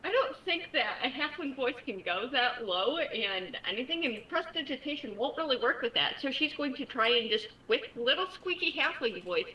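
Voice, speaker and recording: A woman's voice: high-pitched, sing-song, moderate pace, few pauses, sharp tone, dull audio, slight background noise. A woman playing a tabletop role-playing game, switching between casual table talk and speaking for her character.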